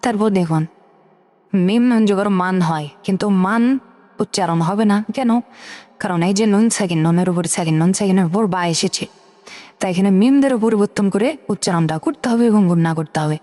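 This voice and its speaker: A woman teaching Quran reading, slowly spelling out letters and vowel marks and asking questions that she answers herself. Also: mid-range voice, warm tone, long reverb tail. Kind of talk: step-by-step spelling lesson.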